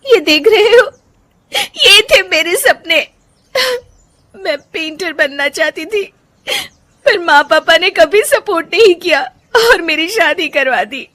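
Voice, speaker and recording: A woman's voice: very high-pitched, expressive, takes it slowly, pushed and bright, exaggerated voice. A woman playing a frustrated, unhappy young daughter-in-law in a cartoon story, plaintive and defensive. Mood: tearful.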